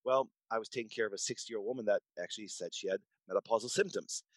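Emphatic man in his forties, deep and dry. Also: quick pace, dry recording, rough recording. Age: 40s. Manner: emphatic, repeats words, restarts sentences. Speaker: podcast guest, doctor. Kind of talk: conversational interview storytelling.

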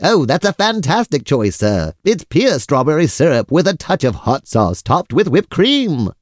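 A man's voice: fairly high pitch, big pitch swings, moderate pace, no room sound, clean studio sound. A man playing an obliging, formal restaurant waiter with polite, eager service patter in a comic audio drama.

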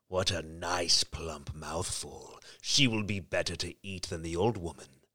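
A man voicing a wicked, sly male wolf, talking slowly and low, sometimes in a whisper. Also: sharp tone, exaggerated voice. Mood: scheming.

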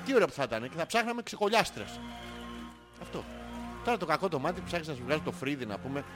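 Male co-host, groggy, deadpan crude humor, animated pitch, music bed behind. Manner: rambling, deadpan, crude joking. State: groggy, sluggish. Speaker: podcast co-host. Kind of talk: casual comedic banter.

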